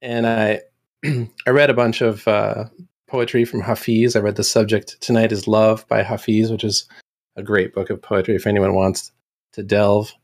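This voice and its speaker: A man presenting on a community show in a casual, halting way, often restarting and clearing his throat. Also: lowish voice, flat delivery, no echo, studio quality. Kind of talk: casual chat.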